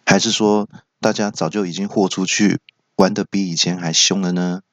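A man's voice: low-pitched, fairly even intonation, moderate pace, fairly bright tone, no echo. A man with a Taiwanese Mandarin accent hosting a comedy podcast, telling funny stories and acting out the dialogue. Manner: jokey, acts out dialogue with raised voice. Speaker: podcast host. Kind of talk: stand-up style storytelling.

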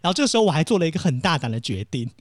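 Brief: Taiwanese Mandarin male host, fast, lively dramatic storyteller. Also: fairly high pitch, no room sound, studio quality. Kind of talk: casual chat, storytelling.

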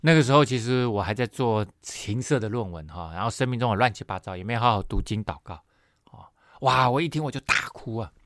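A man preaching, telling a personal testimony in an expressive, emotional storytelling way with many fillers. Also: medium pitch, brisk, dry recording, clean studio sound. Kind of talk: sermon testimony.

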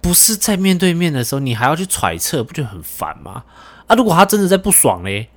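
A young man hosting a casual podcast chat, animated and teasing, swearing casually. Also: on the high side, fast. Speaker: podcast host.

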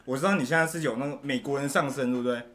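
A man's voice: medium pitch, rapid-fire, fairly bright tone. A man hosting a casual comedy podcast, teasing his guest and playing the straight man. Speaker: podcast host.

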